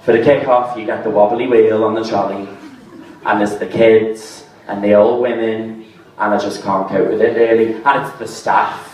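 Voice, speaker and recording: A man doing a stand-up set, deadpan at times and rising into exasperated rants. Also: on the low side, normal speed. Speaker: stand-up comedian. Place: comedy pub venue with audience. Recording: echoey room, voice from far off.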